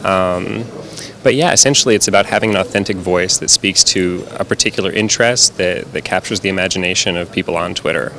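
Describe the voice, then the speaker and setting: A man with a very deep, gravelly voice that still has a bright, forceful edge. He answers interview questions in a casual, thoughtful way, with a few fillers. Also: fairly quick. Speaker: brand strategist.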